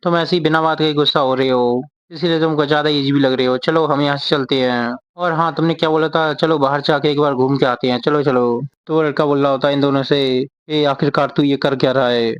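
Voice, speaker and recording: A man retelling a manga story, quoting the characters' lines in his own steady voice without acting them out. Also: a little high, a little fast, hardly any pauses, clear, resonant tone, no echo, highs cut off. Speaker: manga explainer.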